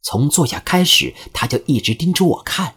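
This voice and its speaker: Male audiobook narrator, expressive first-person suspense reading, husky. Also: fairly high pitch, moderate pace.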